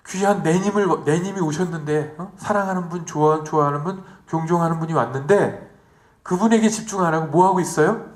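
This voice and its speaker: Lively priest preaching in an echoey hall. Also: male voice, a little high. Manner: lively, asks the audience questions, acts out the story in quoted voices. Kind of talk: retreat sermon.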